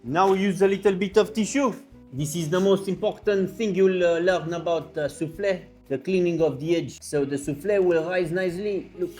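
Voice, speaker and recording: Man putting on a high-pitched French chef. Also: normal speed, a little mellow, faint music behind, close to an everyday voice. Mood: lively, enthusiastic. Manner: exclamatory, sprinkles in French interjections and kitchen sound words. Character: excitable French chef, a man, teaching soufflé with fussy delight. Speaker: cooking show presenter. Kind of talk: casual step-by-step cooking tutorial.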